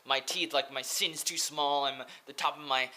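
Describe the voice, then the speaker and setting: A man's voice: a little high, steady tone, moderate pace, sharp tone. A young American man in his twenties from Oregon, talking casually and earnestly to his webcam in a small room, rambling with lots of "like" and repeating himself. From Oregon, USA. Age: 20s. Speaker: vlogger and English teacher. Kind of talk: casual to-camera monologue. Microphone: laptop webcam close up.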